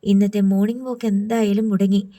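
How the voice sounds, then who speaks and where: A woman voicing a gentle middle-aged father who speaks mildly and reasons with his wife. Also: mid-range voice, flat delivery, a little fast, close to an everyday voice. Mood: calm concern.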